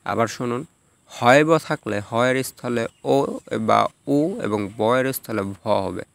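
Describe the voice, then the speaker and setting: A man teaching a recorded lesson, reading out rules and repeating example words slowly and carefully. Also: mid-range voice, creaky, no echo. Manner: slow, drawn-out repetition of example words.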